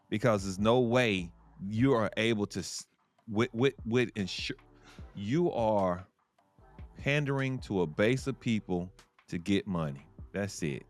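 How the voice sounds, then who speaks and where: A man co-hosting a casual commentary show, talking in a measured, earnest, conversational way. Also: fairly low pitch, faint music behind. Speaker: co-host.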